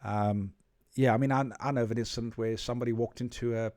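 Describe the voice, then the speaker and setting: A man giving casual, direct IT-security advice, emphatic and often checking in with his listener. His voice sits at an ordinary pitch and sounds dry and close. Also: steady tone, fast, a little mellow, dry recording. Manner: direct, emphatic, frequent "all right?" check-ins. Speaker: IT support technician. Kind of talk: casual advice talk to camera.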